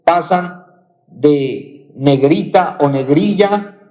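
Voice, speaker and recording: Colombian pastor guy preaching slow n emphatic, kinda high voice, big church reverb. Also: a little mellow. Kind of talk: sermon. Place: church auditorium.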